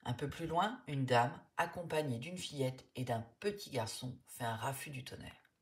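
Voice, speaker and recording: A woman narrating a children's storybook in an expressive, lively way. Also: rumbling low, moderate pace.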